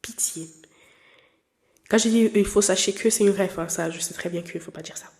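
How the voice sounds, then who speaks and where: Medium in pitch with a darkish tone and moderate pace, this woman in her twenties hosts her own podcast in French, a language she learned rather than grew up with. The conversation is a candid, playful personal ramble peppered with fillers and restarts.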